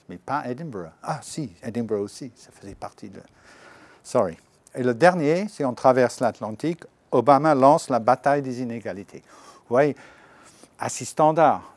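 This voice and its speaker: A man's voice: medium pitch, darkish tone, dry recording. Chatty man presenting, dry sound. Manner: chatty, joking asides, slips into English. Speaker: language centre director presenting exam. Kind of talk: informal presentation to exam candidates.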